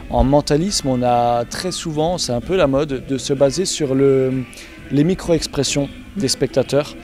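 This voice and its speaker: A man's voice: mid-range voice, a little slow, a little mellow, faint music behind. A man working as a mentalist, explaining his craft in a conversational interview. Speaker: mentalist magician.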